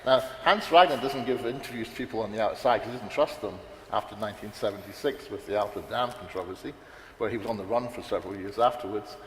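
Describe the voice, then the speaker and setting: This man's voice is fairly low and fairly bright, and he talks fast during a conference panel. His speech wanders, with many restarts and fillers. Roomy reverb from the big hall and faint background noise color the recording.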